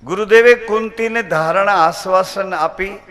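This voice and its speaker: A man delivering a devotional discourse, narrating a sacred tale with dramatic flair. He repeats key phrases for emphasis, and his voice sits high for a man. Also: a little slow, a bit bright. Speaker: devotional storyteller.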